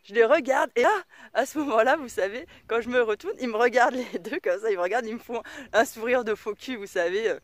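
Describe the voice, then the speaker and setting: A woman vlogger and mother telling a story to camera in a casual, slangy and very expressive way. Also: a little high, quick pace. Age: adult mother of a son.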